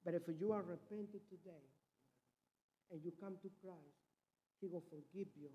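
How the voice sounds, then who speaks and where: High-voiced Peruvian missionary preaching. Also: male voice, normal speed, husky, lo-fi sound. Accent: Peruvian Spanish. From Peru. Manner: impassioned, loud swings in volume. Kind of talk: sermon.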